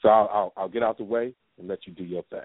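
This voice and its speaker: A man's voice: fairly low pitch, steady tone, quick pace, breathy edge, no echo. A man hosting a sports podcast in a casual, rambling way, circling back over his phrases as he goes. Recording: dry, phone-like narrow sound.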